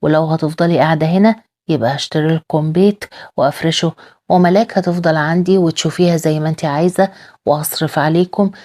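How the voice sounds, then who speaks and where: A woman's voice: low-pitched, fairly even intonation, quick pace, warm tone, natural voice. A woman with an Egyptian accent reading the lines of an angry, proud father in her own voice. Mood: pleading. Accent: Egyptian Arabic.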